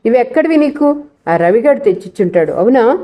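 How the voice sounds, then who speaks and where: Woman doing a harsh strict dad, storybook, raised pitch, muffled sound. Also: moderate pace, natural voice. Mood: scolding. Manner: sharp, scolding. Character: stern scolding father, middle-aged man.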